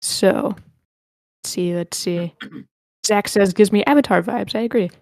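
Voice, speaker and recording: A woman's voice: mid-range voice, slow, gravelly, a little mellow, no echo, studio quality. A woman casually moderating an online script read, calling on people and reading out comments, sometimes murmuring to herself. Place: indoors on an online meeting call.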